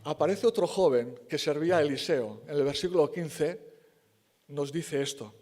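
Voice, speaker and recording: A man's voice: a little high, animated, moderate pace, a little mellow. A man preaching a sermon in church, emphatic and conversational, correcting himself and acting out the quoted lines.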